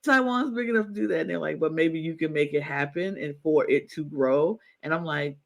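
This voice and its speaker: A man's voice: a little high, brisk, gravelly. A man co-hosting a podcast, chatting casually and enthusiastically, rambling and repeating himself. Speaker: podcast co-host. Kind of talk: casual chat.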